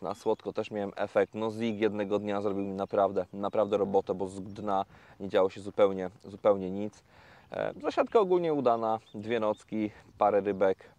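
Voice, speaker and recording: A man's voice: low-pitched, no room sound, lo-fi sound. Chatty man vlogging his fishing trip. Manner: chatty, relaxed, explains each step with fillers. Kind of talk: casual vlog talk to viewers. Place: outdoors by a lake.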